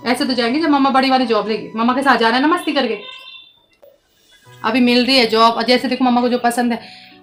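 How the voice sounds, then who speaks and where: A woman in her thirties with a high voice, coaxing and soothing her child in a casual home vlog. She talks softly and patiently, and faint music plays behind her. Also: steady tone, fairly quick, long pauses. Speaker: vlogger, mother. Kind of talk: casual family vlog talk.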